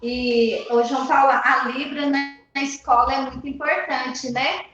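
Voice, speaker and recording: A woman host asks her guest conversational questions, thinking aloud as she goes. Her voice is high. She sounds like she is in a very echoey room, and the audio is muffled with a faint hiss behind it. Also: fairly even intonation, a little slow. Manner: hesitant, thinks aloud with many "é" fillers.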